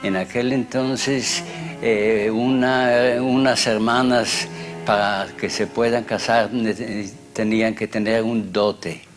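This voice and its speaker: An older man from Hungary in a documentary interview, halting and searching for words. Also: on the low side, fairly even intonation. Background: music.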